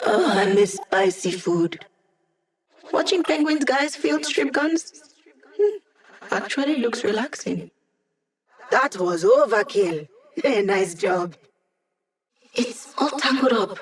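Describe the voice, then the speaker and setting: Voicing a sardonic young hacker character in a game, an actress delivers dry, sarcastic support lines to the team. She speaks on the high side with big pitch swings, slowly and with frequent pauses.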